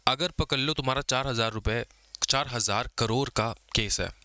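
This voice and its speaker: A young man teaching an exam-prep law class, often checking whether students follow and slowing down to dictate definitions. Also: medium pitch, pushed and bright, no room sound. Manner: explains casually, checks understanding with repeated questions; slows to dictate English definitions. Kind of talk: exam lecture.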